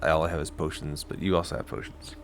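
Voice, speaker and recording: A man playing a tabletop game, talking through his character's actions and breaking into shouted in-character lines. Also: a bass voice, fast talker, over music. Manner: animated, bursts into shouted in-character yelling. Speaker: player.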